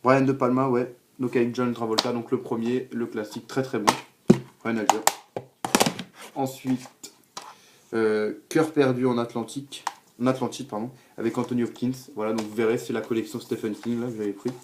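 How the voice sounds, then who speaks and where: A young man casually presenting his DVD collection, rambling with many fillers and repeated words. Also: medium pitch. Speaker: collector showing his DVDs. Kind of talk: casual spoken review. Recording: noisy home recording.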